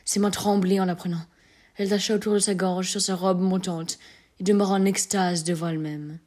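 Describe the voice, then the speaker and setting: A woman narrating a classic short story in a measured, expressive reading. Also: fairly low pitch.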